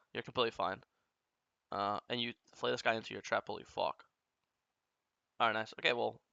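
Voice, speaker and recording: Walking through a game replay, a young man points out every mistake in quick, blunt explanations peppered with casual swearing. His mid-range voice carries vocal fry and sounds bright and forward, captured dry without echo, though the highs are a bit dull and muffled.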